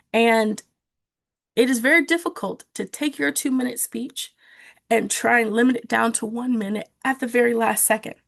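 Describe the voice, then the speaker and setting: A woman presenting a training session, giving calm, practical coaching on how to testify. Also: on the high side, creaky. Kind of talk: instructional webinar talk.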